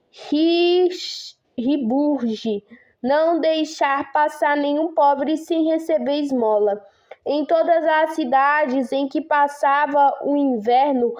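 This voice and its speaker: A woman reading a saint's life aloud, slow and careful, stumbling and restarting on hard names. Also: high-pitched, darkish tone, highs cut off. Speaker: reader.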